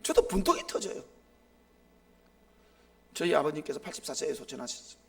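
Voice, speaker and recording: A middle-aged man preaching a live sermon as a pastor, impassioned, swinging sharply between loud and hushed. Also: a little high, expressive, fairly quick, creaky.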